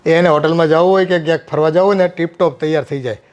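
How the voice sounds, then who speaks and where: A man's voice: on the high side, fairly even intonation, racing, dull audio. An older man with a Gujarati accent playing a father-in-law in a family film, easygoing and teasing.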